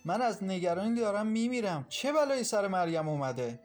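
A man's voice: high voice, lively intonation, a little mellow, faint music behind, voice pushed up. A man reading a storybook, voicing a distraught young husband who pleads and raises his voice in anguish.

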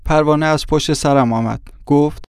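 A man reads a first-person story as an audiobook, telling it in a measured, descriptive way. His voice is smooth and resonant and sits a bit high for a man. The recording is dry and close. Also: steady tone, dry recording. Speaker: narrator. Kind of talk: scripted audiobook narration.

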